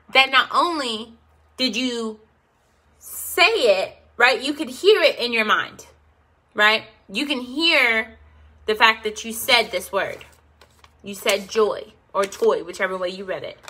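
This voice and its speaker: Self-help host, woman, slightly high, unhurried, coaxing listeners to repeat after her. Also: bright, forceful tone. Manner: coaxing, call-and-response, encouraging. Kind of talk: guided affirmation exercise.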